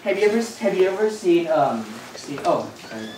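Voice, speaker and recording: A woman's voice: lowish voice, big pitch swings, fairly quick. A woman performing as a magician at a children's party, giving patter and instructions and putting questions to the young audience. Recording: echoey room, distant mic, noisy background.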